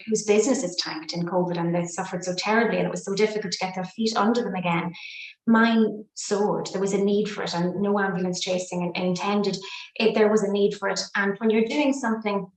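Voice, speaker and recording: An Irish psychotherapist and coach in her fifties speaks fluently and expressively as an interview guest, reflecting aloud and using folksy sayings. Her voice is medium-pitched, and the recording is reverberant and low quality.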